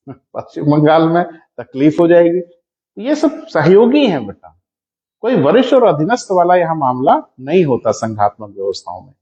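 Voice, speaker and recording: A male teacher giving a classroom lecture, calling his students "beta" and slowing down so they can take notes. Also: a little high, darkish tone. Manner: addresses students as "beta", dictating slowly. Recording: echoey dull classroom audio.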